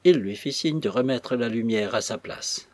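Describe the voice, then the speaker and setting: Husky male audiobook narrator. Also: mid-range voice, lively intonation, normal speed, dry recording.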